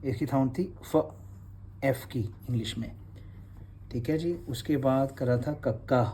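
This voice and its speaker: A man's voice: mid-range voice, a little slow, warm tone, a little hiss or hum. A man, teaching Gurmukhi letters in a revision class and patiently repeating each sound.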